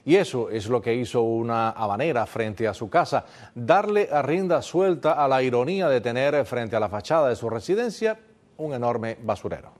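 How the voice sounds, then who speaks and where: A male news anchor introducing stories in a formal, steady way. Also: mid-range voice, moderate pace. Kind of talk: news reading.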